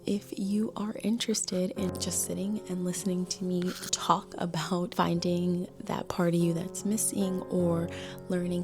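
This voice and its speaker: Talking candidly to a small handheld camera, a woman in her thirties chats casually in a talking-head vlog, filling her speech with "like." Her voice is fairly low and mellow.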